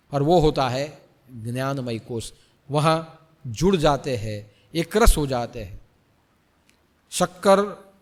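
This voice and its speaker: Lively-voiced man giving a spiritual discourse. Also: a little high, in a large hall. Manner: repeats phrases, swings between loud urging and soft hush. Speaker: spiritual teacher.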